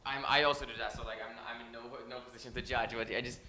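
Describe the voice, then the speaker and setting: A man's voice: medium pitch, steady tone, racing, bright, forceful tone, slight background noise. Hesitant young man, far off in echoey room. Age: young adult. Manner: hesitant, self-deprecating feedback. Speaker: workshop participant. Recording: roomy, distant classroom pickup.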